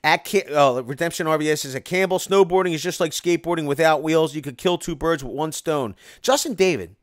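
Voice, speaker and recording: A man's voice: fairly high pitch, fairly quick, dry recording, studio quality. A man, chatting casually and rambling as he reads viewer comments on a live stream. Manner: excitable, rambling, many restarts and "like". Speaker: host reading live chat. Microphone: close mic, home live stream.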